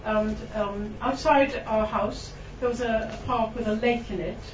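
A Welsh woman poet reads to a live audience in a roomy hall, her voice on the high side and steady. Between poems she's chatty and self-mocking, full of ums and laughs, then slows into a lingering delivery for the verse. The recording is distant, roomy and dull, with background noise.

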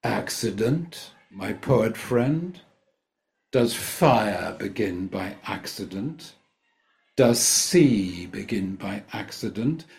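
A man reading the part of an ancient, brooding male stone gargoyle in a slightly lowered, growly voice. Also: gravelly, mellow. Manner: slow, ominous, measured questions.

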